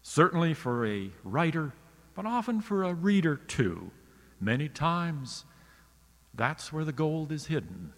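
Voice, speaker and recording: Wry storytelling man, lively pitch. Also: a little slow, big-room sound. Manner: wry, literary storytelling delivery. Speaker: writer giving a radio talk. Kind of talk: scripted radio lecture.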